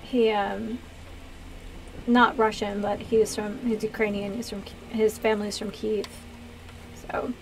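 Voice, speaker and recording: A video game streamer and host from Pennsylvania on the US East Coast chats casually with her livestream viewers, rambling and hesitant as she thinks aloud in an American accent. Her medium-pitched voice is level, creaky and a little slow, with frequent pauses. There's noise in the background.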